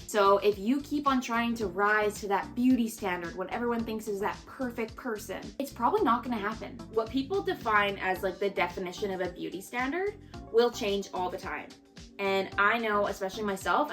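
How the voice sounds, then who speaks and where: A woman's voice: medium pitch, fairly bright tone. A woman in her twenties from Canada, talking earnestly and casually to camera with lots of "like" fillers as she gives life advice. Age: 20s. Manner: chatty and earnest, with frequent "like" fillers. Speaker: lifestyle creator.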